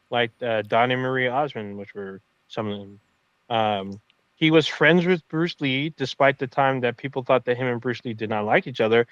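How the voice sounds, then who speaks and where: Halting man on a dry, dull mic. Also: medium pitch, dry recording. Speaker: podcast co-host. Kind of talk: casual tribute read from notes.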